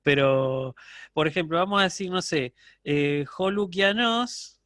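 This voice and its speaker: High-voiced lecturer explaining patiently. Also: male voice, measured pace, fairly bright tone, no room sound. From Argentina. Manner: explanatory, keeps checking with students. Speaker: university lecturer. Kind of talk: online lecture.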